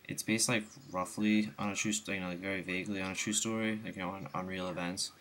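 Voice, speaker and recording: A man's voice: sits low, little pitch movement, fast talker, fairly bright tone, a little hiss or hum. A young man with the hiccups giving a rambling, casual game review voice-over, full of ums and restarts.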